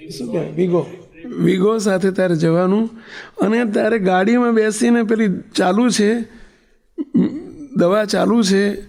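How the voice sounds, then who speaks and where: A brusque male doctor scolds a feverish boy and sets firm conditions, as a preacher puts him on. The voice is high with a gravelly rasp. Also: unhurried, a little mellow. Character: gruff no-nonsense male doctor.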